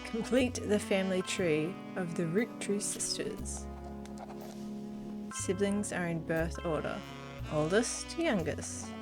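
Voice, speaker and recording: A woman's voice: medium pitch, takes it slowly, over music. A woman hosting a casual let's-play, chatting in a self-deprecating way and reading game text aloud. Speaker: gaming channel host.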